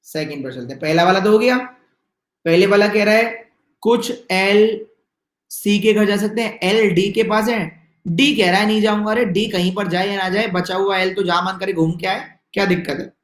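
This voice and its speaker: A man with a Hindi accent teaches an online exam-prep class, talking in a fairly high voice. He explains with lively, teasing asides and acts out little dialogues. The sound carries a noticeable room echo. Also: moderate pace.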